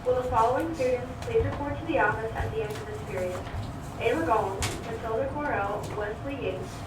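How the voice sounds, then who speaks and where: A woman's voice: a little high, a little fast. A woman reading school announcements over the intercom in an upbeat, scripted way. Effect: school intercom loudspeaker. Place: classroom, heard through intercom speaker. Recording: echoey distant noisy classroom loudspeaker.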